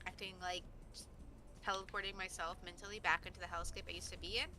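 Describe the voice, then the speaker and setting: A woman chatting with friends over a call mic while they play, blunt and teasing with a deadpan streak. She talks very fast in a bright, sharp tone. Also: on the low side, soft background music, poor audio. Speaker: gaming voice-chat friend. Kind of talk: casual chat.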